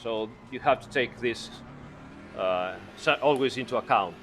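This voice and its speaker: Sim driver guy, bright voice a bit high, casual chat, faint car noise. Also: normal speed. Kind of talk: casual chat while racing. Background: racing car sounds.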